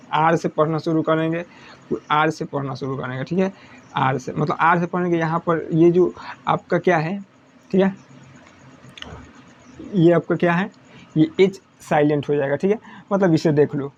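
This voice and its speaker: Young male teacher, slightly high voice, repetitive step-by-step explaining, faint hiss behind. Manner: repetitive, checking understanding with "thik hai". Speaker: English teacher. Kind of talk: whiteboard lesson in Hindi.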